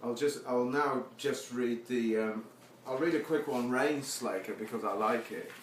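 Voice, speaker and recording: At a live reading with a seated audience, a poet in a mid-range voice takes his time sharing his own poems. His informal lead-ins are wry and self-mocking, and the audio comes from far off in a noisy, echoing room.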